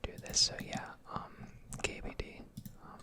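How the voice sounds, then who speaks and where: Whispering softly in ASMR style right up to the mic, a female gaming video host rambles casually through her game commentary at a measured pace, with hesitations along the way.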